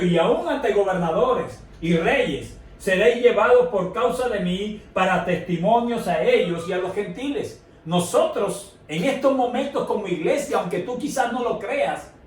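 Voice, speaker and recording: A man preaching a sermon as pastor, stressing his points with slow, emphatic repetitions. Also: sits high. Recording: echoey room, from far off.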